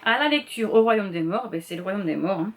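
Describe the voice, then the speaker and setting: A woman's voice: medium pitch, animated. A middle-aged woman presenting her reading list in a casual, rambling chat, full of fillers and self-corrections. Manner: quick talker, admits speaking too fast.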